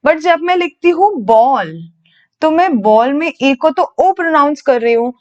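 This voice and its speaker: A woman's voice: high voice, expressive, normal speed, a little mellow, highs cut off. A woman from India teaching an English phonetics video lesson, explaining patiently step by step and asking the viewer questions.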